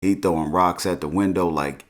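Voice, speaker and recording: A man's voice: deep voice, steady tone, normal speed. A middle-aged man recapping a TV episode in a laid-back, slangy storytelling way, chuckling as he goes. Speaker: TV recap host. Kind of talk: casual show recap.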